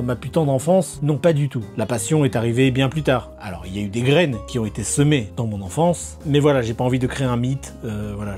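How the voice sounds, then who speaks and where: A man's voice: mid-range voice, mellow. A man in his thirties from Normandy, France, telling his own story in a chatty, candid vlog narration. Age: 30s. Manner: chatty, candid, with occasional restarts. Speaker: YouTuber.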